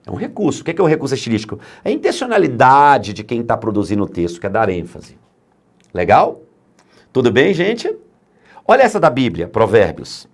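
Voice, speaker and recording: A man's voice: medium pitch, wildly swooping pitch, brisk. A man teaching grammar for exam prep, emphatic and fond of asking and answering his own questions.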